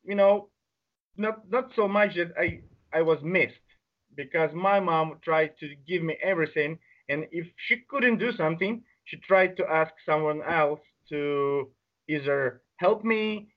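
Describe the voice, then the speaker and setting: A man with a fairly high voice and a Belarusian accent speaks as an interview guest. His English is halting and non-native in its phrasing, delivered conversationally. The audio is somewhat dull and lo-fi. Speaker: interview guest, adaptive sports organiser.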